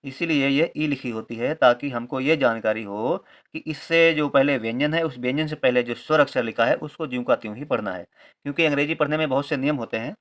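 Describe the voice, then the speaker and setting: Patient man spelling words out slowly. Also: medium pitch, a bit bright. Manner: patient, repeats each point with a confirming aside. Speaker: teacher. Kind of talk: Hindi-medium English reading lesson.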